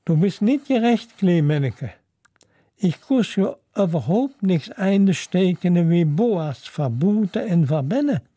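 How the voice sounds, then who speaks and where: A storyteller voicing a gentle, earnest little prince, a small boy, speaking plainly and a little pleadingly. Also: mid-range voice, lively intonation, takes it slowly, no echo, clean studio sound.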